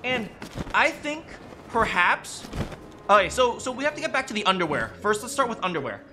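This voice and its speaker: A man with a high, sing-song voice, speaking at normal speed, is a streamer chatting casually about game lore with his chat. He rambles, restarts often and uses frequent tag questions, with faint music behind him.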